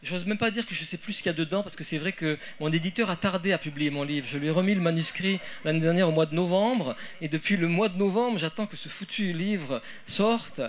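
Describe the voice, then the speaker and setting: A man's voice: fairly high pitch, fairly quick, hardly any pauses, a little hiss or hum. A man, an author talking casually at a public event, with many fillers and restarts. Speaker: author at a book fair talk. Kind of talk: casual spoken talk with audience.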